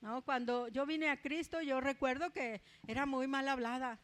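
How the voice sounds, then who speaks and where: A Mexican woman with a Mexican accent preaching a conversational sermon, often tagging her points with a quick aside and telling personal stories with humor. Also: high voice, fairly even intonation, fairly bright tone. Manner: chatty, tags asides with ¿verdad?, tells personal stories with humor.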